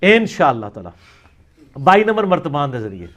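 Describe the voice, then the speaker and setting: A man's voice: fairly high pitch, big pitch swings, a bit bright. A man giving a religious lecture, arguing and mocking his opponents' views. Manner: mocking, argumentative, mimics opponents.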